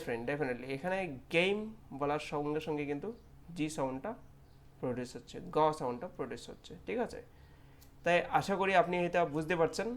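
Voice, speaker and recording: A man teaching English pronunciation in Bengali, saying English example words slowly and repeating them. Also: fairly high pitch. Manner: repeats the filler "okay" often. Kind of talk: phonetics lesson.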